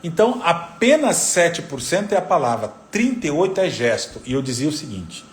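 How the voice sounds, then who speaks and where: Lively Brazilian-Portuguese-speaking male psychoanalyst teaching. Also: on the high side, moderate pace. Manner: didactic, repeats figures, lively intonation. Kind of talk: live talk on parenting.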